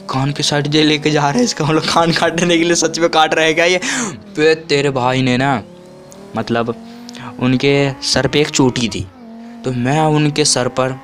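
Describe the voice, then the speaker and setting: A young man in his twenties tells childhood stories to his viewers in a loose, rambling style. He restarts and corrects himself mid-sentence and jumps into a much higher voice when quoting. His speaking voice sits at a middling pitch for a man. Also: fairly bright tone. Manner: acts out quotes with sudden high pitch. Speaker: vlogger. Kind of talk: casual storytelling.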